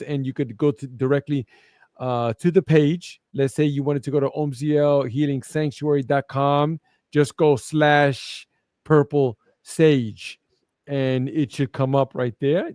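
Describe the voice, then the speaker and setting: A man's voice: medium pitch, mellow, dry recording. Male, Brooklyn accent, street-level colloquial event promoter in casual interview, dry sound. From Brooklyn, New York. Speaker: guest, festival organizer.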